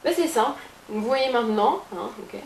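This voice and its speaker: A woman's voice: on the high side, expressive, moderate pace, gravelly, a little mellow. A woman giving a casual makeup tutorial as a beauty blogger, chatty, with playful asides to her viewers. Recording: roomy with faint hiss.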